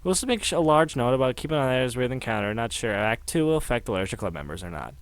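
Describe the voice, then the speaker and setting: A man's voice: mid-range voice, lively intonation, very fast, smooth, no room sound. A man reading a fan fiction story aloud, stumbling over words, laughing at his slips and throwing in swearing asides.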